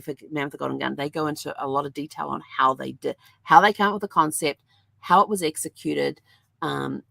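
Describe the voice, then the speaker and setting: A woman's voice: deep voice, vocal fry, fairly bright tone, no echo. A woman hosting a show, telling a story in a rambling, chatty way with lots of fillers. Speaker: host. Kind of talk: casual chat.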